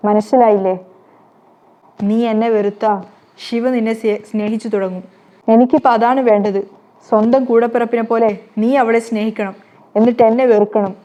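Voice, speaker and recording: A middle-aged mother full of secret grief speaks between tears in a soap-serial recap, as a woman narrator reads her lines. Her tone turns firm and dismissive as she insists, and her voice sits slightly high. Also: fairly even intonation, moderate pace, pauses often, mellow, highs cut off, lightly acted. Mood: stern. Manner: tearful, then firm and dismissive. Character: grieving middle-aged mother, secretive, loving yet stern.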